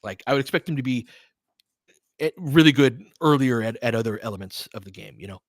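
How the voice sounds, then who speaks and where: This medium-pitched man talks fairly quickly and expressively, recorded at studio quality with no room sound. Hosting live basketball commentary as a partisan fan, he alternates clipped play calls with conversational tactical explanations.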